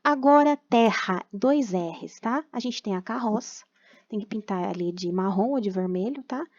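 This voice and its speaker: A young Brazilian woman teaching a primary class remotely, patiently explaining and slowly sounding out words. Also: mid-range voice, animated, darkish tone, no room sound. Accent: Brazilian Portuguese. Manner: patient and explanatory, tags phrases with "tá?". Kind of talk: recorded remote class lesson. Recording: dull, dry computer recording.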